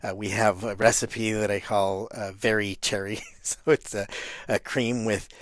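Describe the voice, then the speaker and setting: A middle-aged man hosting a podcast, easygoing and playful, with soft-spoken asides. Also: fairly low pitch, level tone, a little slow, dry recording. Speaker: podcast host. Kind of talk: conversational podcast interview.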